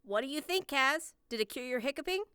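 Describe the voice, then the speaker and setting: Brash cartoon rockstar girl, bright and loud, dry mic. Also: high voice, expressive, fairly quick, dry recording. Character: cool young woman rock star.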